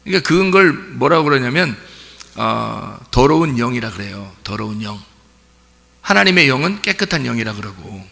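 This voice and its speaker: A man's voice: medium pitch, creaky, sharp tone. A male pastor preaching a sermon in a conversational way, often putting rhetorical questions to his congregation. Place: church sanctuary during Sunday service. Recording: long church reverb.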